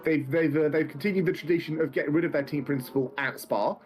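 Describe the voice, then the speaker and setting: A man's voice: fairly high pitch, background noise. A man of twenty commentating a sim racing event live, calling the action and joking with his co-host. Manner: joking, quick banter between race calls.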